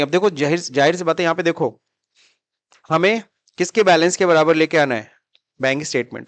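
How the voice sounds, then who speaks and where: A man's voice: fairly high pitch, dry recording. A man teaching accounting in a classroom-style lecture, mixing Hindi with English terms and repeatedly asking students questions as he explains. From India.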